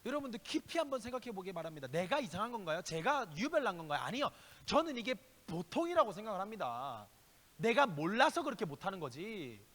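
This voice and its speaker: High-voiced impassioned male preacher. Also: sing-song, fast, big-room sound. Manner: impassioned preaching, shifting between loud exhortation and hushed asides; speaks directly to listeners with rhetorical questions. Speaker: youth pastor. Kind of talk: youth sermon. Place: church sanctuary.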